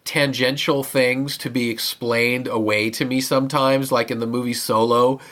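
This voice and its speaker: Man, podcast co-host, mid-pitch, talks enthusiastically and rambles with restarts. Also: little pitch movement, moderate pace, fairly bright tone. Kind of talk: casual chat.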